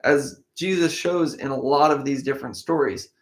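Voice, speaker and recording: A man's voice: mid-range voice, normal speed. Conversational man reading scripture, roomy echo. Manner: conversational, acts out quoted speakers. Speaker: Bible reading podcast host. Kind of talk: scripture reading with casual commentary. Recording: echoey room.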